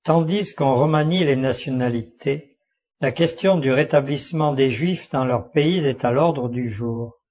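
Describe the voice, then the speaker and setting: A man reading a devotional Bible study aloud in a measured, solemn way. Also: medium pitch, a little mellow. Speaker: study reader. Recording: dull lo-fi recording.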